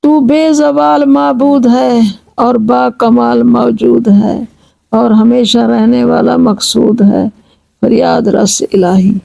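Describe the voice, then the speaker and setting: A woman slowly chanting devotional verses in a pleading tone, then explaining each line in measured speech. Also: a little high, fairly even intonation, creaky, mellow, dry recording, poor audio. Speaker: religious reciter and translator. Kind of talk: devotional recitation with line-by-line translation.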